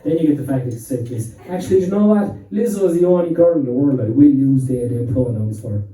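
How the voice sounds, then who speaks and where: Irish man in his thirties, limerick accent, crude joking comic, dark mellow tone, echoey pub heard from afar. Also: medium pitch, lively intonation, quick pace. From Ireland. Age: 30s. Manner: crude, self-mocking banter with the crowd. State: slightly out of breath. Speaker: stand-up comedian. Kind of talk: stand-up comedy set. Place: pub stage with live audience. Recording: roomy pub sound from a distant mic.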